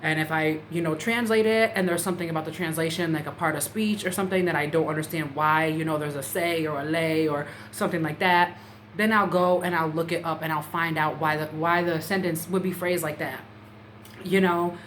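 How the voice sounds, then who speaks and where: A woman's voice: low-pitched, fairly even intonation, a little fast, fairly bright tone. A woman vlogger talking casually about learning a language, chatty and full of "you know" fillers. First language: English. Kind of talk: casual talk to camera. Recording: faint background noise.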